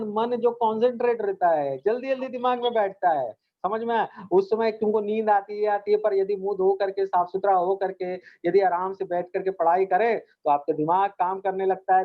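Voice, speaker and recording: A man's voice: high-pitched, fairly even intonation, fairly quick, few pauses. A man teaching a meditation lesson to school students, speaking in an earnest, repetitive, coaxing way and addressing them directly. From India. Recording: dull lo-fi recording.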